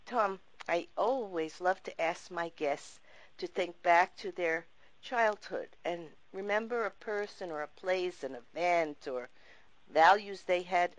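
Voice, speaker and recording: A woman's voice: on the low side, measured pace, no room sound, rough recording. A woman hosting an interview show, speaking in an earnest, reflective and spiritual way. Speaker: host.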